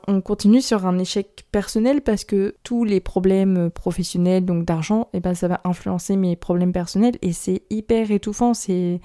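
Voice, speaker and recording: A young woman hosting her own podcast, talking candidly in a rambling, quick way and laughing nervously now and then. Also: medium pitch, warm tone. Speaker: podcast host. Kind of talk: personal solo podcast talk.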